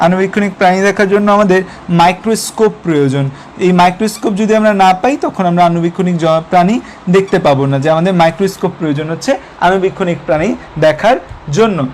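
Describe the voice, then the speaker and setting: Young male tutor, high-pitched, repetitive Q-and-A lecture style, faint noise floor. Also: quick pace. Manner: repetitive question-and-answer teaching, code-mixing English terms. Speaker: biology teacher. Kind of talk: online lecture.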